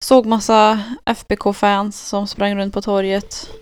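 A woman in casual podcast chat, talking in a tired, low-key, dry way. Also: little pitch movement, a little mellow, smooth, dry recording.

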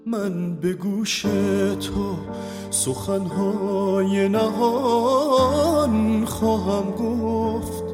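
Female singer, melodic classical poetry, echoing long reverb, loud music. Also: medium pitch.

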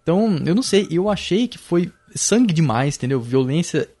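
A man's voice: on the high side, lively intonation, normal speed, mellow. A man co-hosting a casual podcast, opinionated and full of hesitant fillers. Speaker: podcast co-host. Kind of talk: casual chat.

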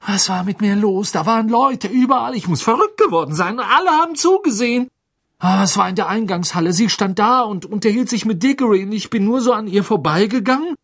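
A man voicing a panicked, clumsy teenage boy wizard in a pitched-up, strained, husky voice. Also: lively intonation, a little fast, fairly bright tone, full character voice. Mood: distraught.

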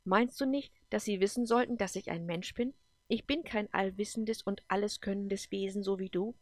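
A woman's voice: medium pitch, normal speed, a little mellow, no echo, lightly acted. A woman voicing an emotional, defensive female leader in an audiobook, talking heatedly and then apologetically. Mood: pleading.

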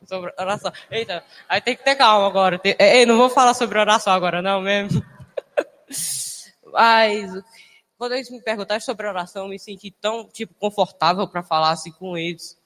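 A young man speaks in a casual church testimony. He sounds emotional and halting, often restarting his sentences. His voice rings with long reverb in a big hall. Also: sits high, a bit bright. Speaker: church member giving testimony.

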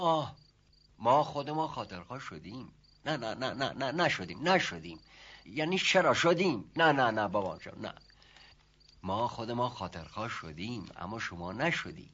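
Old rustic servant, folksy and rambling, muffled old TV audio. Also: male voice, medium pitch, animated, fairly bright tone. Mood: musing storytelling. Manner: folksy, rambling, hesitant then emphatic. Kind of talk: 1970s TV drama acting.

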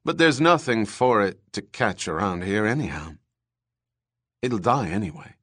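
A man reading a cold young woman, low and flat, indifferent to what she is doing. The delivery is quick and the recording is dry. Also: no room sound. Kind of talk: audiobook character voice.

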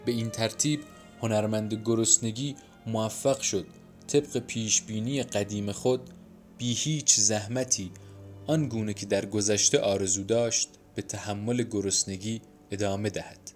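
A male audiobook narrator with a low, measured voice reads a literary story in a somber tone. Soft instrumental music plays faintly behind him. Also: steady tone.

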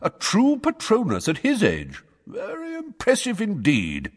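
A man voicing a stern, booming older woman judge who questions a boy brusquely. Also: huge pitch swings, a little slow, breathy edge, in a large hall, exaggerated voice. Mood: impressed.

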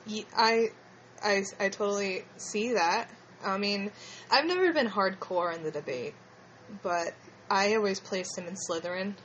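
A woman's voice: mid-range voice, a little slow, fairly bright tone, lo-fi sound, slight background noise. A woman with a slushy lisp hosting a casual fan discussion in a hesitant, rambling way. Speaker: podcast host.

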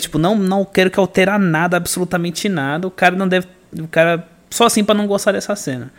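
A man chatting enthusiastically about games, often laughing as he talks. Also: fairly high pitch. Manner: enthusiastic, laughs while talking. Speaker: podcast co-host. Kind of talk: casual gaming chat.

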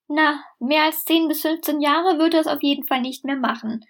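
Woman doing a sly sweet sheep, talks slow and kind, high voice. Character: sly friendly sheep, cheerful and cunning.

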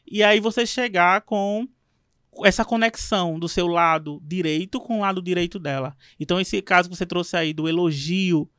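A man's voice: high-pitched, moderate pace, a bit bright, clear, resonant tone, dry recording. Guy hosting podcast, thoughtful, fillers, dry close sound. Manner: reflective, thinks aloud with many fillers. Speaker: podcast host. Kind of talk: podcast conversation.

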